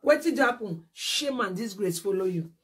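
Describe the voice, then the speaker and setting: A woman's voice: mid-range voice, lively intonation, normal speed, fairly bright tone, distant mic. A woman with a Nigerian accent ranting angrily on a phone live stream, scolding and repeating herself. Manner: confrontational, scolding, repetitive. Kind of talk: angry live-stream rant.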